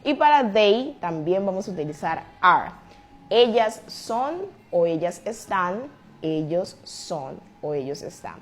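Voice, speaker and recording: A woman explaining English grammar to learners, slowing down to spell out each example sentence. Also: lowish voice, a little hiss or hum. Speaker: English teacher.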